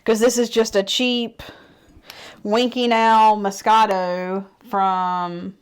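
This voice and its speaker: A woman's voice: medium pitch, flat delivery, slow, smooth. A woman with a Southern country accent, chatting casually and laughing easily as she cooks in her home kitchen. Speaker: home cook, co-host. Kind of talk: casual cooking chat.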